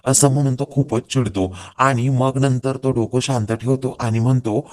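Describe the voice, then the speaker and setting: A man narrating a plot recap, retelling the scenes in a steady storytelling flow. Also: medium pitch, normal speed.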